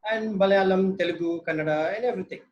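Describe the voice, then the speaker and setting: Higher-pitched man with a South Indian accent, slightly nervous. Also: muffled recording. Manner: halting, joking, conversational. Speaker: webinar speaker. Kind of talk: informal talk on books.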